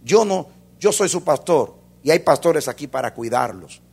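Gravelly-voiced preacher with lively swings. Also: male voice, on the high side, moderate pace. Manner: preaching with wide swings from loud fervor to hushed intensity. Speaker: pastor. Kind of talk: sermon.

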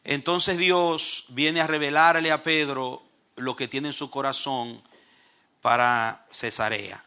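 Bright-voiced Spanish-speaking preacher. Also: male voice, medium pitch, steady tone, smooth. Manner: reads scripture aloud with rising emphasis, frequent "eh" pauses. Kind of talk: sermon. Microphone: streamed online service.

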